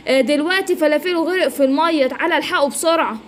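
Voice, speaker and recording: Woman playing a teasing parrot, egyptian accent, fast chatty high voice. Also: a little hiss or hum, lightly acted. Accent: Egyptian Arabic. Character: cheeky talkative parrot. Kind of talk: children's story voicing.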